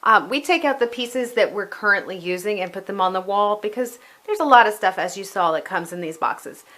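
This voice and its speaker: With a mid-range, pushed and bright voice, a middle-aged woman speaks animatedly and fairly quickly. She chats and explains as she goes, like a parent demonstrating products at home for a review.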